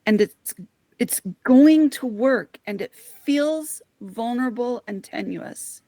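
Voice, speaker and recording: A woman with a somewhat high, gravelly voice, unhurried and deliberate, speaking close and dry. She gives a heartfelt spiritual talk and calls her listeners her friends. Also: animated, warm tone, no echo. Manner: earnest, heartfelt storytelling.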